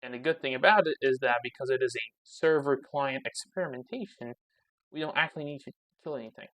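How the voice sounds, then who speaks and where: A man's voice: mid-range voice, a little fast, fairly bright tone, no room sound. Guy muttering thru his code setup on a screencast, dry close mic, mid voice. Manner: thinks aloud while typing, mutters commands. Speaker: channel host. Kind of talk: casual coding screencast commentary.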